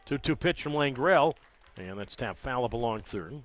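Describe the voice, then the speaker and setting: A man calling live baseball play-by-play from the ballpark, relaxed and conversational, with dry sarcastic asides. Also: mid-range voice, moderate pace. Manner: conversational, wry asides, filler "uh" between counts. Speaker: play-by-play announcer.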